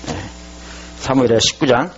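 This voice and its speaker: A male pastor preaching a lively sermon, retelling the story with acted-out dialogue and questions to the congregation. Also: mid-range voice, moderate pace, a little hiss or hum. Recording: dull lo-fi recording.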